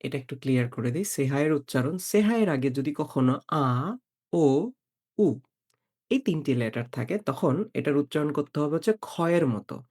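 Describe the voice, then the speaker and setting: A man teaching a beginner German lesson, patiently explaining and slowly repeating example words. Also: fairly high pitch, lively intonation, a little mellow.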